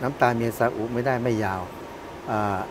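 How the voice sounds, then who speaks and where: A man, a songwriter guest, calmly explaining and sharing anecdotes in conversation. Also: mid-range voice, moderate pace, background noise. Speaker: songwriter and radio host guest. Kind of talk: casual interview chat.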